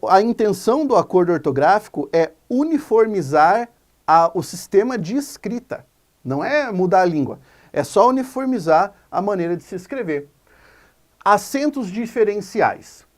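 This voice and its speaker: Male teacher, animated pitch, emphatic video lesson voice. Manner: lively, emphatic, spells out words slowly. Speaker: Portuguese teacher.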